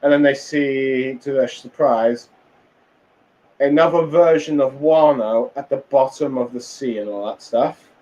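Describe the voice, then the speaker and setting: A man's voice: medium pitch, a little slow, darkish tone, muffled recording. Rambling man recapping a comic chapter. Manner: rambling, many fillers and restarts. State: tired, yawning. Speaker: manga reviewer.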